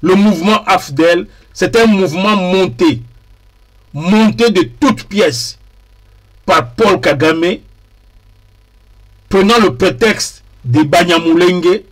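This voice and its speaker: With a high voice, this male political commentator on TV, who is from DR Congo, talks deliberately and with emphasis. He repeats important phrases for added weight.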